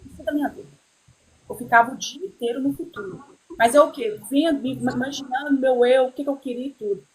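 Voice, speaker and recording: A woman's voice: high voice, fast, poor audio. A woman hosting a casual conversation, telling stories animatedly and often checking in with her listener. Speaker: host.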